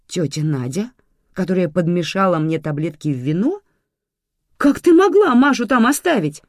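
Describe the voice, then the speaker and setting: A woman voicing an angry, bedridden adult daughter in an audiobook, shrill and indignant. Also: normal speed, no room sound, studio quality, natural voice. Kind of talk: audiobook reading.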